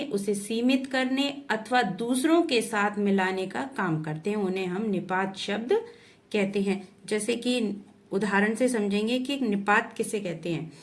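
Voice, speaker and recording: A woman teaching Hindi grammar in a slow, deliberate way, repeating definitions and checking understanding. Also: medium pitch. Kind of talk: explanatory lesson.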